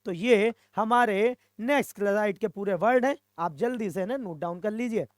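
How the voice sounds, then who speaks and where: A teacher giving a recorded vocabulary lesson, switching between two languages, posing questions and answering them, and checking in often with a quick "okay". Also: medium pitch, dry recording, studio quality. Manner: mixes Hindi and English, asks and answers own questions; repeats "okay" to check in with students. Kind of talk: recorded exam-prep lesson.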